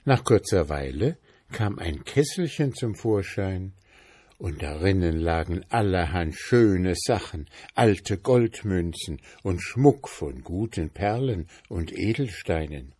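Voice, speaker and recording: A man reads an old folk tale aloud, slowly and very evenly, with a fairly low voice. The recording is close and completely dry, with no room sound. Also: slightly rough, dry recording. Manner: slow, even storyteller's reading. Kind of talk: storytelling reading of a folk tale.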